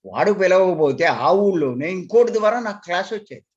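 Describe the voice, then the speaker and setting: A man's voice: high voice, animated, brisk, darkish tone. Earnest man giving a spiritual talk. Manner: earnest, repetitive, emphatic explanation. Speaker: meditation teacher. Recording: dull lo-fi recording.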